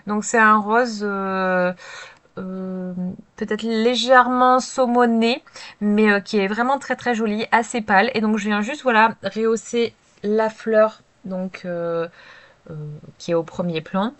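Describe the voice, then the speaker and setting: A woman's voice: medium pitch, steady tone, unhurried, fairly bright tone, dry recording. Woman talking through her art journal page, lots of ums, dry close sound. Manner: chatty, many hesitant fillers. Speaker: craft video creator. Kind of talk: casual crafting tutorial voice-over.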